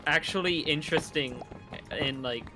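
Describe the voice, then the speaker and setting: A man's voice: fairly high pitch, normal speed, music in the background, rough recording. A man in casual gaming chat, rambling through ideas with lots of likes and restarts. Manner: rambling, many fillers and restarts.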